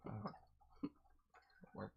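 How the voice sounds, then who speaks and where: A man with a dry, raspy throat, rambling and joking in casual chat as he plays a game. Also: extremely slow, dull audio. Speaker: gaming video host. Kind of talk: casual chat while playing.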